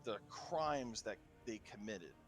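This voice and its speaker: A man's voice: lowish voice, lively intonation, slow pace, faint music behind. A man narrating as game master of a tabletop game, hesitant with many fillers.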